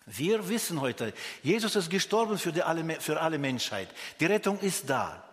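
A man's voice: fairly high pitch, sing-song, normal speed, big-room sound. A man preaching a sermon, earnestly asking the listener direct questions, with frequent restarts.

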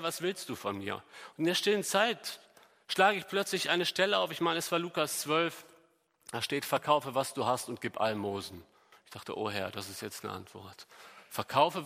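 A middle-aged man preaching a sermon, reading scripture aloud and moving between loud emphasis and quiet asides. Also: medium pitch. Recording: long hall reverb.

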